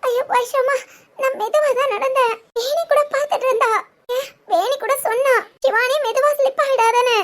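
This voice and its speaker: Super high-pitched woman doing all the voices in a doll-video family drama, fussing and crying out. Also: fairly even intonation, normal speed. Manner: emotional, fussing, with cries of alarm. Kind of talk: voicing every character in a doll-video village drama.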